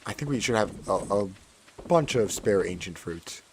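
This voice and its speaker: In casual gameplay commentary on a farming game, a male streamer talks in a hoarse, fairly low voice that occasionally cracks. He's chatty with lively intonation at a normal speed, and he tends to say lines twice. A faint noise runs under the audio.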